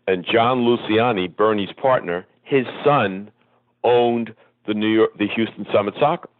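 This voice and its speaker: A man being interviewed as a guest, telling long rambling anecdotes with many pauses and ums. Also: fairly low pitch, no room sound. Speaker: guest, former soccer executive. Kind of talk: reminiscing interview storytelling. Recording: tinny phone line.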